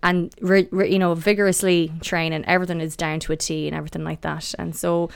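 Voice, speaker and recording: Irish Midlands woman, smooth lowish voice. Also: little pitch movement, fast. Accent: Irish Midlands, softened by elocution lessons. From Athlone, Irish Midlands. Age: 30s. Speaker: podcast guest, powerlifter. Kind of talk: casual interview, personal recollection.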